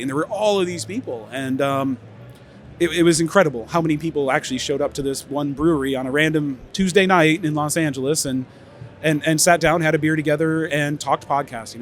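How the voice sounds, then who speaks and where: Speaking from an expo stage at an audio trade show, a man gives a relaxed conference-style presentation full of fillers and restarts. His slightly high voice sounds a bit tired after many interviews, and a little hiss or hum runs under it.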